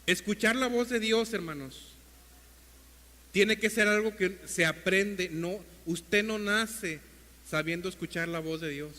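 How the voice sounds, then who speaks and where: High-voiced, bright-toned preacher man. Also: a little slow, big-room sound. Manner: earnest preaching, addresses the congregation as brothers; builds to a louder, higher pitch when exhorting. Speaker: pastor. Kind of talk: sermon.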